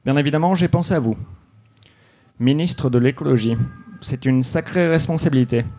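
A man telling a deadpan, mock-noir detective story live on a comedy club stage. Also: medium pitch, moderate pace. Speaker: comedy podcast host.

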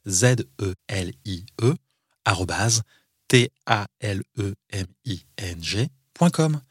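A man's voice: lowish voice, animated, slow pace, breathy edge, dry recording, clean studio sound. A man hosting a children's story show, speaking directly to young listeners from a script.

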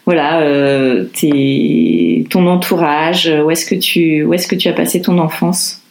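A female interviewer puts relaxed, informal questions to her guest. Her voice sits slightly low. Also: slow, creaky, low-quality recording.

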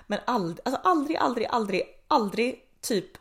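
A woman's voice: fairly high pitch, animated, breathy edge. A woman hosting a casual chat, talking in a chatty way with many fillers and restarts and frequent laughs. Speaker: podcast host asking questions.

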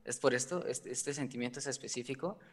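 A talk show guest speaks about his feelings in a mid-range male voice at a slightly fast pace. He's hesitant, filling the conversation with fillers and nervous laughter, and the recording carries a long reverb.

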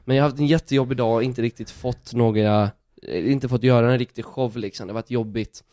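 A man in a relaxed podcast conversation, telling a story with lively energy. He swears casually and acts out the other people's lines. The sound is dry and close. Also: medium pitch, no echo. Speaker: guest telling stories.

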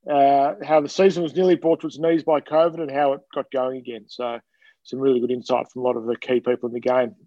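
An Australian man chats as a podcast guest, talking quickly in a mellow, understated voice. The sound is dry and a little dull. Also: mid-range voice, level tone, dry recording. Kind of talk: casual chat.

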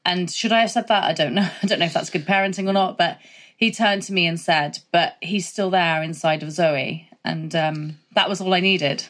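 Chatty woman with a low voice. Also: fairly quick, a bit bright. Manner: chatty, supportive, chimes in often. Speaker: interview guest and parent. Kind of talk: candid conversational interview.

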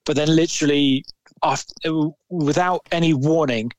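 A man's voice: a little high, steady tone, normal speed. A man, co-hosting a podcast and telling a long, rambling story in casual chat, swearing now and then. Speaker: podcast co-host.

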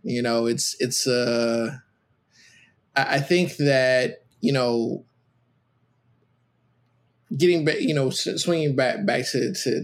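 A man talking casually on a podcast about parenting, rambling with many restarts and trailing off. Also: mid-range voice. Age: adult with a teenage son.

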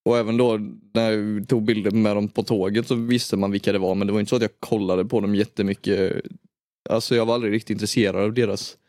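A man's voice: lowish voice, flat delivery, darkish tone, no echo, studio quality. A young man from Småland co-hosting a podcast, chatting casually with crude, joking remarks and frequent laughter. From Småland, Sweden. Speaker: podcast co-host. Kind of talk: casual chat.

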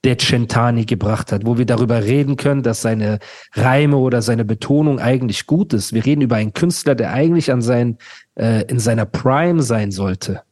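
A man co-hosting a podcast in casual chat, talking in an animated, slangy way and often calling his co-host "Bruder". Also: mid-range voice, normal speed.

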